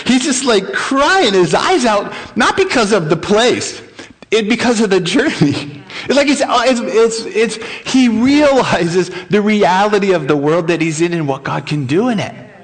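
High-voiced pastor telling a story. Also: male voice, unhurried. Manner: animated retelling with frequent chuckles. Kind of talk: sermon storytelling.

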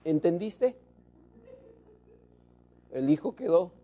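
A man preaching a sermon to his congregation, shifting between loud emphasis and soft, low asides. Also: big pitch swings, extremely slow.

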